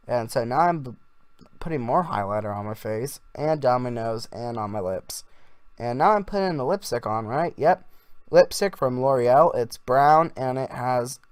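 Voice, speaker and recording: A man's voice: mid-range voice, smooth, dry recording. A man doing a casual improvised voiceover as a makeup vlogger, rambling in an offhand, jokey way.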